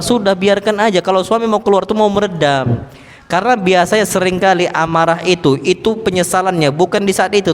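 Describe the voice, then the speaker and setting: Brief: male preacher, high voice, lively and humorous, quizzes the congregation, long echoey mosque hall. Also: a little hiss or hum. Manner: lively, humorous, asks the congregation rhetorical questions. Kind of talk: mosque sermon.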